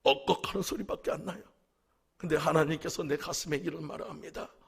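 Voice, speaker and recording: A man preaching as a pastor, telling a personal testimony and swinging from hushed whispers to crying shouts. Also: on the high side, fast, creaky, breathy edge. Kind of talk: emotional testimony sermon.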